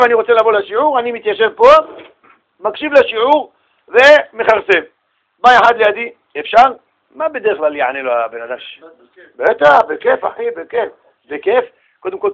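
A man teaching a religious class, telling everyday stories with animated little acted-out exchanges. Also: very high voice. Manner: animated storytelling, acts out little dialogues. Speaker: rabbi giving a Torah class.

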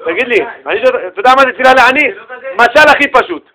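A man tells a religious parable with lively, slang-filled energy and slips into each character's voice. His voice is notably high for a man. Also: poor audio. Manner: animated, slangy, acts out characters. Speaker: religious storyteller. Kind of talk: lively religious storytelling talk.

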